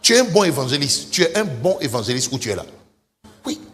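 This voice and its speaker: A man pastor preaching a lively sermon, speaking straight to his congregation and pushing up into high, emphatic calls, with a few English phrases mixed in. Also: brisk, in a large hall, slight background noise. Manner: mixes in short English phrases. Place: church service.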